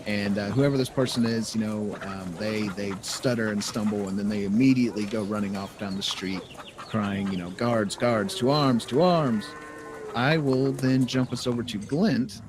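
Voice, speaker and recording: Low-voiced man running a tabletop game. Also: moderate pace. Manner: loose, explaining rules as he goes. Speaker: dungeon master. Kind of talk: improvised tabletop game narration. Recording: noisy home podcast recording.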